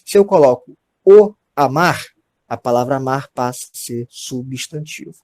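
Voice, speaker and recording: A man's voice: medium pitch, lively intonation, a little slow, a little mellow. A Brazilian man teaching a Portuguese grammar lesson, explaining patiently and often checking in with his students.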